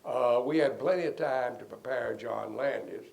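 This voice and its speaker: A man's voice: medium pitch, moderate pace, a little mellow. An older man, a defense lawyer, telling rambling anecdotes in an interview and chuckling at his own stories. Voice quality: gravelly.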